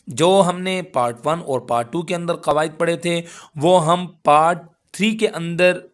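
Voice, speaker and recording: A man teaching Quran tajweed, reciting verses slowly and breaking them into syllables before explaining each rule. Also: mid-range voice. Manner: slow drawn-out chanting for recited verses. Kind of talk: tajweed lesson with slow recitation.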